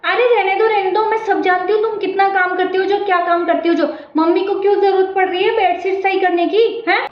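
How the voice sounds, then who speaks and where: Woman playing a bossy young married daughter, very high voice, taunting, echoey room, family drama skit. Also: steady tone. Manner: scolding, taunting, quick to accuse. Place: indoors at home. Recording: roomy, dull lo-fi sound.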